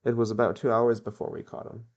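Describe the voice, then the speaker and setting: A man's voice: medium pitch, completely flat delivery, fast talker, darkish tone, lo-fi sound. A young man reading a novel aloud in a plain way, with occasional stumbles and self-corrections. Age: young adult. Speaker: reader.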